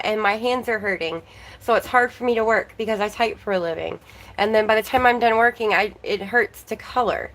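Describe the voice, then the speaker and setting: A woman's voice: mid-range voice, fairly bright tone, poor audio. A woman hosting a casual livestream, chatting and greeting viewers by name while her voice is slightly worn. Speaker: livestream host.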